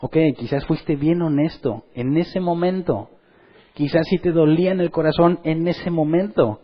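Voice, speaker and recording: A man preaching a sermon in church, lively, and acting out the voices of the people he quotes. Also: a little high, a little slow, lo-fi sound. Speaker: pastor.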